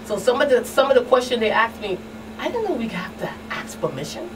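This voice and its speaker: Answering as a talk show guest expert, a Caribbean-accented community outreach specialist retells conversations with animation and repeats phrases. She sounds a little high and sing-song, at a brisk pace. Clear background noise comes through the distant mic.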